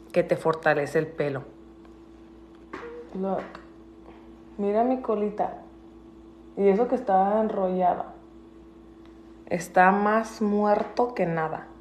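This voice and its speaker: Slow-talking woman. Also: mid-range voice, a little mellow, slight background noise. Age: adult with a school-age daughter. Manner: switches between Spanish and English, swears, indignant. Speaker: livestreamer. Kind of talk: casual livestream chat.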